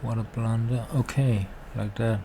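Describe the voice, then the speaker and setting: Slow-talking man commentating over noise. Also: mid-range voice, steady tone, warm tone. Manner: halting, thinking aloud. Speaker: amateur chess commentator. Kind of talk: casual live game commentary. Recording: clearly noisy background.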